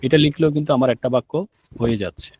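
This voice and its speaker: A man's voice: medium pitch, fast talker, a little mellow, slightly rough. A man teaching an online language class, explaining step by step and asking his students questions. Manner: explains step by step, asks the students questions and repeats key words.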